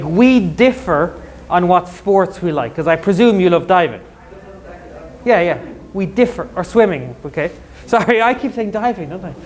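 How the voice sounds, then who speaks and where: Guy teaching english vocab to a class, quick jokey examples, loose and chatty. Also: sits high. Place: school classroom.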